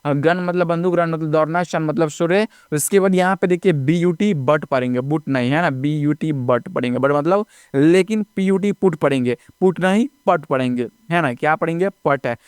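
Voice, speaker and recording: A man's voice: fairly high pitch, normal speed, clean tone, no echo, clean studio sound. A man teaching English phonics step by step, spelling words out letter by letter and often checking in with "ठीक है ना". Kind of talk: classroom-style phonics lesson.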